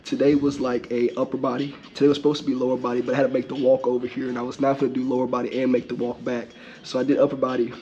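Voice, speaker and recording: A man's voice: mid-range voice, completely flat delivery, rapid-fire, dark tone. A young man talking casually to camera in a gym locker room, with slangy, laid-back speech and lo-fi sound with faint noise. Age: young adult. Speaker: vlogger. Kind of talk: casual vlog talk to camera. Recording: dull lo-fi audio, faint background noise.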